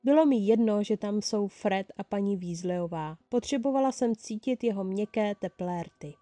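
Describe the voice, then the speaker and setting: Woman reading a story, dark mellow tone. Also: mid-range voice, no echo. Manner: lively first-person storytelling. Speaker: fan-fiction reader.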